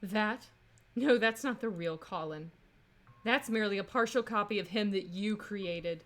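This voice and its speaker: Playful woman gamer with a mid-pitched voice. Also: measured pace, fairly bright tone. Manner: playful, sweary, slipping into acted lines. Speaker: gamer and co-host. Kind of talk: casual let's play, reading dialogue and commenting.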